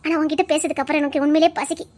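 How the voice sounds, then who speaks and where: A woman playing a soft-spoken middle-aged woman weighed down by an old mistake, in an audio drama. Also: high voice, flat delivery, racing, natural voice. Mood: tender. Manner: soft-spoken, tearful and emotional.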